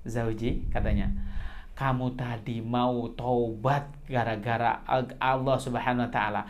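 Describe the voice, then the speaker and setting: A man voicing a loving young wife in a sermon story, in a high, gentle, sing-song voice. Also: flat delivery, unhurried, lightly acted.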